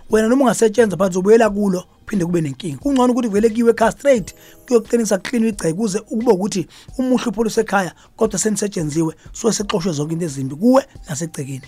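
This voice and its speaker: A male traditional healer speaks with a Zulu accent on a radio advice show. His delivery is extremely quick and the voice is husky and rough-edged. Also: high voice, warm tone, dry recording. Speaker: traditional healer, guest expert.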